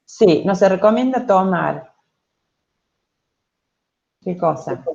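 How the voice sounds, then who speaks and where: A woman's voice: on the low side, expressive, gravelly, mellow, highs cut off. A Spanish-speaking woman teaching English in an online class, explaining patiently and checking in with her students. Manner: slow, patient, asks for checks with "¿sí?" and "¿ok?".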